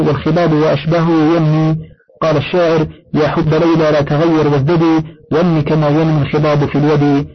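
A man giving a measured, deliberate formal reading of a classical book. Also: a little high. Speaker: reader of a classical text. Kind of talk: formal recitation of an old book. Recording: dull lo-fi audiobook recording.

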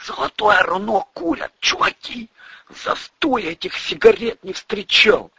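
A high, squeaky, nervous young slacker, as a man puts him on, whining in slang with a breathy edge. His voice swoops all over in an audiobook with a dull, dry sound. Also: sing-song, a little slow, pushed and bright, no echo, exaggerated voice. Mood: jittery. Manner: high whiny slangy chatter. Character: jumpy young male slacker, nicotine-starved.

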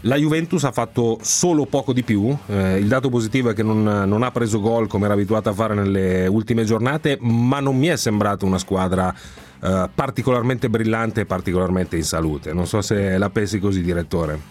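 A man's voice: on the low side, brisk, a little mellow. A man co-hosting a live radio football discussion in a critical, opinionated way. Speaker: radio sports co-host.

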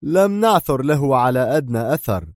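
Brief: man doing a bristling security director, storybook reading, high strained voice, dry booth sound. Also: expressive, moderate pace, dry recording, lightly acted. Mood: indignant. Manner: indignant, strained raised voice. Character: angry stern male security director.

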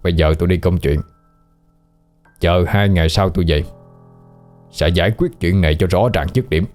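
A man playing a hot-tempered gangster husband, barking harsh, scolding words. The voice sits deep and dark, with a soft music bed behind it. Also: normal speed, natural voice. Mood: cold.

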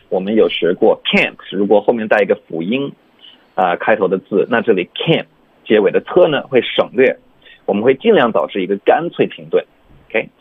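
A low-voiced man explains pronunciation rules in a radio lesson, slowing right down to model each sound. His voice is husky and dry, with a tinny, phone-like radio quality. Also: dry recording. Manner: slow, drawn-out demonstrations of English sounds. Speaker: English pronunciation teacher.

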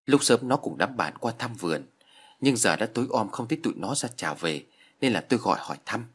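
A man's voice: lowish voice, animated, fairly quick, a bit bright, husky. A man voicing a worried middle-aged village aunt who speaks plainly. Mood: anxious. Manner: plain, anxious.

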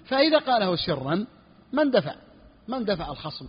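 A man's voice: high-pitched, big pitch swings, fast, slightly rough, big-room sound, highs cut off. A man, a sheikh, teaching a religious law lesson, explaining a text and repeating his key phrases for emphasis. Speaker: sheikh teaching a fiqh book.

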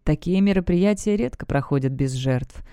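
Grim male veteran, sad and low-voiced, played by the narrator. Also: expressive, moderate pace, mellow, clear, resonant tone, no echo, studio quality, natural voice. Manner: sad, heavy.

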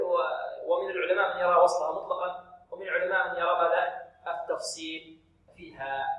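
High-voiced man teaching Quran recitation. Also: highs cut off. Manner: asks rhetorical questions and answers them himself; pronounces syllables slowly and loudly for repetition. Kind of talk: tajweed lesson with call-and-repeat drills. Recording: echoey room recording.

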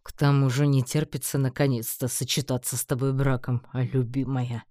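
An actor playing a scheming emperor who speaks slowly, mocking and menacing. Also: male voice, medium pitch, flat delivery, warm tone, no room sound, clean studio sound, lightly acted. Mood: cold mocking. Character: cold, scheming male emperor, middle-aged. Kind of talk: audiobook character voice.

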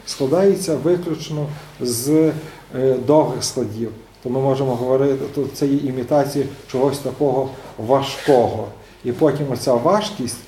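A man with a mid-range, dark-toned voice gives an academic seminar lecture in an echoey seminar room, with a little hiss or hum. He sounds hesitant, with lots of filler sounds and restarts.

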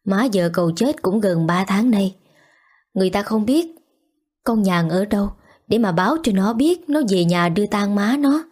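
A blunt old village man in a spoken storybook, as a woman voices him, slow and reproachful. His words are plain and scolding. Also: mid-range voice, lively intonation, darkish tone, lightly acted.

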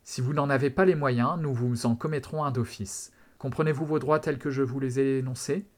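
A man voicing a deranged giant cop in a read-aloud story, speaking in a flat robotic voice that breaks into screaming. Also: medium pitch, a little fast, natural voice.

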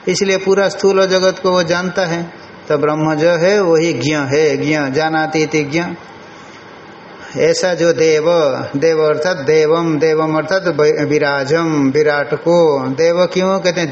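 An older man lectures on scripture as a monk teacher, slowly unpacking each Sanskrit word with deliberate chanting. His voice sits a little high for a man. The recording is muffled and lo-fi, with a roomy echo and a faint hiss behind it. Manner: slow, explanatory, chants Sanskrit words deliberately. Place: ashram hall.

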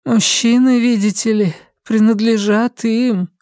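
A reader voicing a bitter grown woman who shouts shrilly in fits of temper. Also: medium pitch, fairly even intonation, unhurried, no echo, studio quality, voice pushed up, natural voice. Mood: dazed.

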